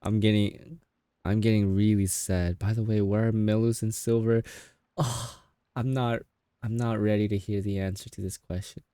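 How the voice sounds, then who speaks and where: A man's voice: on the low side, flat delivery, a little fast, few pauses, warm tone, smooth, no echo, studio quality. A young man streaming a game, chatting emotionally with viewers and often restarting his sentences. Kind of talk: casual game stream chat.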